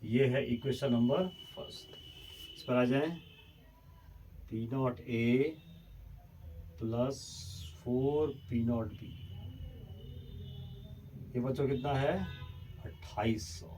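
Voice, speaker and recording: A man's voice: mid-range voice, steady tone, slow pace, long pauses, mellow. A man teaching a chemistry lesson, working through problems step by step, coaxing his students and drifting away from the mic as he writes. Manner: addresses students as children, coaxing and repetitive; moves away from the mic while writing, voice fading in and out. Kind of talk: blackboard lecture solving problems. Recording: voice from a distance, faint room noise.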